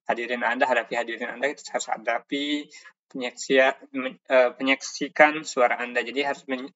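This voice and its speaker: A man teaching a course, talking through his presentation slides in a halting way, with many fillers and restarts. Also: mid-range voice, a bit bright. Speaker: course instructor. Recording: dull lo-fi recording.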